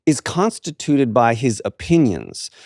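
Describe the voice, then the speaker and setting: A man's voice: medium pitch, huge pitch swings, measured pace, creaky, darkish tone, no room sound. Thoughtful male podcast host, dry sound. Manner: thoughtful, explaining, laughs often. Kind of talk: casual conversation.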